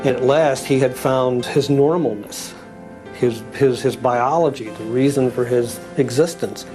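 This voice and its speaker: A man's voice: mid-range voice, unhurried, over music, low-quality recording. A man commenting as an expert in a documentary interview, thoughtful and reflective with small repetitions.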